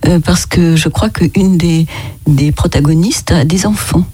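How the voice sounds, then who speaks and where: A radio host interviewing a guest, asking measured questions and summarizing the answers. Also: mid-range voice, mellow, slightly rough, no echo.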